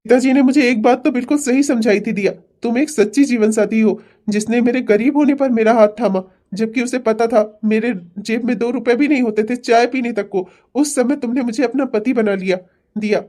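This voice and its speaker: A woman's voice: fairly high pitch, dark tone, natural voice. A woman voicing a remorseful young husband who earnestly apologizes to his wife in a cartoon drama. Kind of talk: cartoon family-drama dubbing.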